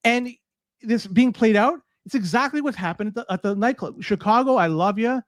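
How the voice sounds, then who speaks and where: A Toronto man co-hosts a podcast, launching into casual, unscripted rants full of swearing and disbelief in his Canadian accent. His voice is high-pitched and fairly quick, captured with studio quality and no echo.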